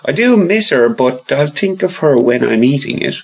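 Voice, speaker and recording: A man's voice: mid-range voice, big pitch swings, moderate pace, slightly rough, voice pushed up. A man voicing a young boy who is earnest and sweetly scheming, with a pleading, wheedling way of asking.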